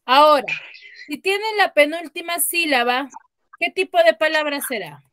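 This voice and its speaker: A woman's voice: high voice, expressive, moderate pace, sharp tone. A woman teacher leading an online class over a video call, patiently explaining and asking the class questions. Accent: Peruvian Spanish.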